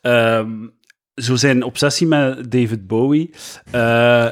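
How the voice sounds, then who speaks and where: Animated, rambling Flemish man. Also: mid-range voice, takes it slowly. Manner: rambling, animated, with many fillers and restarts. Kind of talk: casual discussion.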